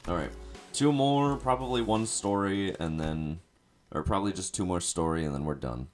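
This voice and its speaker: A man streaming, chatting in a relaxed, drowsy, casual way. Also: low voice, normal speed, faint music behind. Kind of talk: casual live-stream chat.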